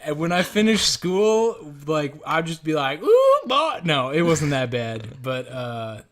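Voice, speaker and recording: A man's voice: fairly high pitch, measured pace, fairly bright tone. Rambling man telling stories. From Missouri, USA. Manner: rambling storyteller, swears casually. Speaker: podcast co-host. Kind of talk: casual chat.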